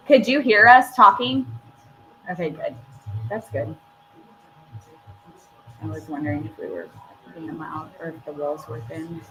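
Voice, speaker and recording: A woman's voice: deep voice, takes it slowly, pauses often, fairly bright tone, a little hiss or hum, poor audio. A woman, co-hosting a casual morning radio chat, giggly and self-deprecating. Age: 30s. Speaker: radio show co-host.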